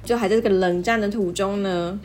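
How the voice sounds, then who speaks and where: Taiwanese woman, young adult, podcast co-host, animated storyteller who laughs easily. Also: medium pitch, fairly quick. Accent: Taiwanese Mandarin. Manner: animated storyteller who acts out family quotes, laughing often. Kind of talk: casual chat.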